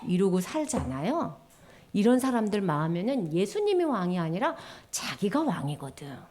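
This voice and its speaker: A woman giving a children's sermon in a lively, sing-song storytelling way, acting out little voices. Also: mid-range voice, moderate pace.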